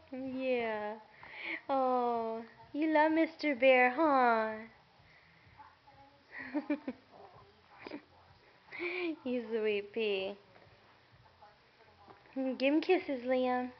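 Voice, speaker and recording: Woman, high sing-song baby talk, drawn-out delivery, heard through muffled old camcorder audio. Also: slight background noise. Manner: sing-song, cooing, affectionate. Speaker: parent filming her baby. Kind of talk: home video baby talk. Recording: dull lo-fi camcorder sound.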